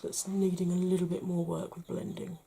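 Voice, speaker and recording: A British woman talking through a makeup tutorial, chatty and playful, often dropping to a soft murmur. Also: lowish voice, little pitch movement, moderate pace, creaky, slightly rough. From United Kingdom. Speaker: beauty vlogger.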